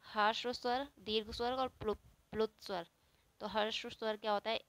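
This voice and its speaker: A woman's voice: fairly high pitch, steady tone, normal speed, no room sound. A woman teaching a grammar lesson, explaining step by step, asking and answering her own questions and drawing out the example sounds. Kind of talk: spoken Hindi grammar lesson.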